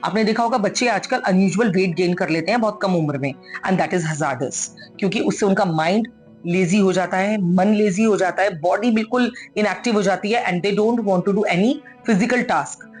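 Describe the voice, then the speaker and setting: A woman's voice: mid-range voice, normal speed, darkish tone, faint music behind. A woman giving an earnest, coaxing motivational talk, mixing English phrases into her speech. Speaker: motivational speaker.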